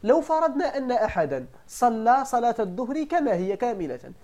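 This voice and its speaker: A Moroccan-accented man teaching a religious law class in a brisk, quick delivery. His voice is very animated and rises and falls widely. He keeps checking that his students are following. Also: very high-pitched. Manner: animated explaining, often checking the class understands. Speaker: sheikh teaching Maliki jurisprudence.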